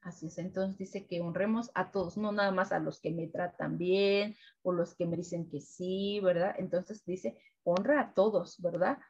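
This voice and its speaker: A woman leading a weekly Bible devotional, preaching gently and ending nearly every sentence with a questioning "right?". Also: lowish voice, fairly even intonation, normal speed, few pauses, breathy edge, dull audio. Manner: keeps adding "right?" tags, gentle repetitive preaching. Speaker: devotional co-host.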